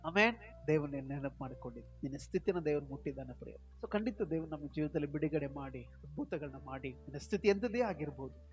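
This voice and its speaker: A man pastor with a Kannada accent preaching a sermon, swinging between loud exclamations and soft intimate appeals, often repeating his phrases. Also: on the high side, dull audio. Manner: repeats phrases, mixes English words into Kannada. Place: prayer hall.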